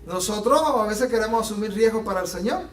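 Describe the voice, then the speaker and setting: A man preaching a sermon as pastor, animated and acting out the Bible scenes he tells. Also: sits high, fast. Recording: echoey room from a distance.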